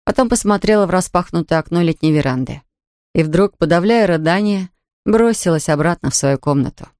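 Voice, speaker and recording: A woman narrating an audiobook in an even, expressive storytelling manner. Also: lowish voice, a little fast, dry recording, studio quality. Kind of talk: scripted narration.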